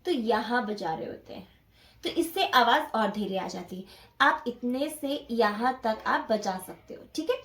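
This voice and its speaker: A woman's voice: a little high, expressive, measured pace, soft background music. A woman teaching the dholak step by step, patiently counting the beats aloud as she plays. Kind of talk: step-by-step music lesson. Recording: echoey room with dholak playing.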